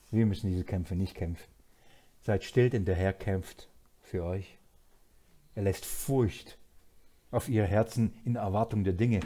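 A man preaching a sermon, moving from quiet asides to loud, emphatic passages and laughing often. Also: lowish voice.

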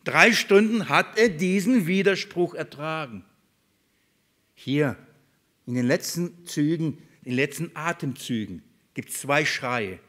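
A man preaching a sermon in a church, his voice sitting a little high. He poses questions to the congregation and answers them, swinging from loud declarations down to hushed lines. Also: expressive, measured pace.

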